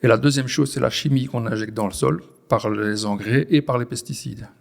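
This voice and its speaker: A man in his forties with a Belgian French accent, a farmer explaining his work in an interview, pausing and restarting often. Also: mid-range voice, vocal fry. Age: 40s. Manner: hesitant, many restarts and fillers. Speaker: farmer, guest. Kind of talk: conversational interview.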